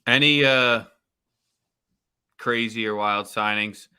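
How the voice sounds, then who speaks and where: A man's voice: fairly low pitch, takes it slowly, bright, forceful tone, clean tone. A man co-hosting a casual sports betting show, talking loosely with jokes and slang. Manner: loose, joking, slangy delivery. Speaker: podcast co-host.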